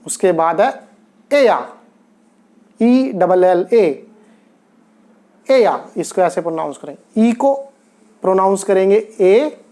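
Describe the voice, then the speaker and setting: A man leads a grammar lesson at an easy, unhurried pace. He works through each point step by step and repeats the key words so his learners can follow. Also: sits high, expressive, mellow. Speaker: Spanish teacher.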